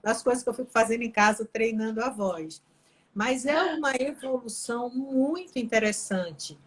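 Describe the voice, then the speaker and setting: A woman's voice: a little high, moderate pace, slightly rough. A middle-aged woman from Pará, Brazil, a guest on a live chat, talking earnestly about training her own voice. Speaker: guest, court employee and therapist. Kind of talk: casual chat on an online live.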